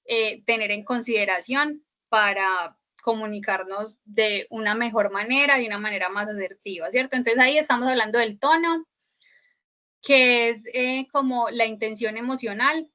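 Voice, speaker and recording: A woman's voice: fairly high pitch, normal speed, bright, forceful tone. A woman instructor giving an online class lecture, explaining step by step with many "eh" fillers and a questioning "¿cierto?" after her points.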